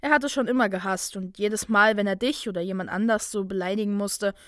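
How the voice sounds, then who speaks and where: A woman's voice: mid-range voice, a little fast, a bit bright, dry recording, clean studio sound, natural voice. A woman voicing a cocky, teasing young male wizard student. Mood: jovial. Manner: loose, teasing, mocking.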